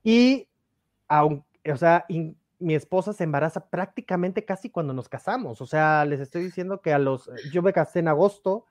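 A man's voice: a little high, normal speed, no room sound, studio quality. A man, a podcast guest, telling personal stories casually and acting out the dialogue with animation. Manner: animated, acts out quoted dialogue. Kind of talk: casual storytelling.

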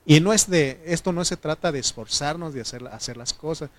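A man preaching a conversational sermon, speaking informally with filler pauses and frequent amens to his congregation. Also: fairly high pitch.

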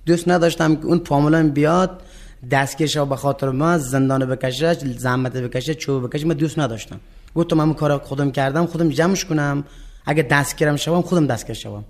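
A young man in his twenties speaks with an Afghan accent in a somewhat raised register. His voice has a gravelly, creaky edge. He answers in short, plain and often halting replies, repeating himself as he goes. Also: on the high side. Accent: Afghan Persian. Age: 20s. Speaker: murder suspect being interviewed. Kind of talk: answering an interview.

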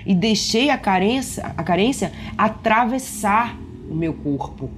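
A woman's voice: medium pitch, lively intonation, soft background music. A woman giving an earnest, reflective talk to camera about feelings. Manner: earnest, reflective, unhurried with soft asides. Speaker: emotional wellness speaker.

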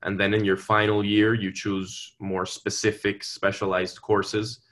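On the low side and flat in delivery, this young man's slightly bright voice keeps a measured pace. He is a Venezuelan university student in a conversational interview, answering earnestly and politely through long, careful sentences with small restarts.

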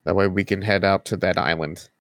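A man's voice: low-pitched, steady tone, a little fast. A man playing a tabletop game, improvising in character in a casual, wry, informal way. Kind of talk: casual improvised role-play.

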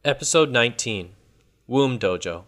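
A man's voice: medium pitch, animated, normal speed, a bit bright. A man hosting a podcast, reading a scripted introduction. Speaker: podcast host. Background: marimba music.

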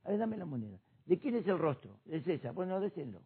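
A man, a pastor discussing faith with impassioned preaching that rises to shouts. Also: fairly high pitch, sing-song, fast talker, breathy edge. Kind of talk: church discussion program. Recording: tinny phone-like sound.

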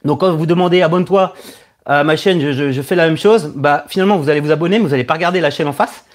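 Hosting a casual live Q&A, a higher-pitched man in his thirties responds to viewers as an online video creator. He halts and hesitates frequently, repeating words while thinking things through.

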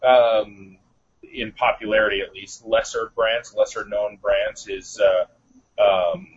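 A man's voice: lowish voice, slow, husky. Man sounding like he's inside a barrel. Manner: animated, stumbling, exclaims "good gracious". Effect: muffled phone line that sounds like he is inside a barrel. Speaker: podcast co-host. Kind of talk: casual chat. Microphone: telephone. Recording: muffled lo-fi phone line.

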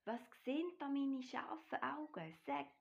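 A woman with a Swiss German accent voicing a kind, proud little male bear in a children's story, in a high, marveling voice. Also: very animated, moderate pace, dull audio.

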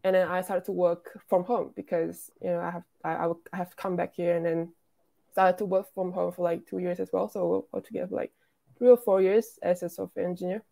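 A woman's voice: fairly low pitch, level tone, fairly quick, creaky, mellow. A woman, a programmer and founder, talking casually as an interview guest, with lots of restarts and "like". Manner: chatty, frequent "like" and restarts.

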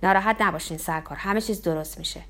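Keep it soft: woman as a courteous military policeman calming a man down. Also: lowish voice. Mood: soothing. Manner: polite, soothing, colloquial.

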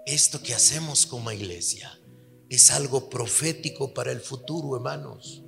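A man preaching a sermon to his church, earnest, dropping his voice low for emphasis and turning lively when he tells a story. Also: moderate pace, gravelly. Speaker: pastor. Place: church hall. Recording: reverberant church hall with soft music.

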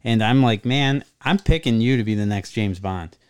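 A man's voice: mid-range voice, moderate pace, smooth, dry recording. A man co-hosting a podcast in casual chat, informal and jokey, swearing freely and saying like often. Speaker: podcast co-host.

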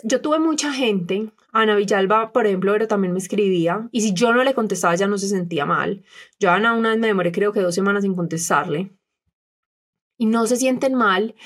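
A young woman, co-hosting a podcast and speaking candidly about personal matters, often acting out what others said. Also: mid-range voice. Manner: earnest, animated quoting of others. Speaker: podcast co-host.

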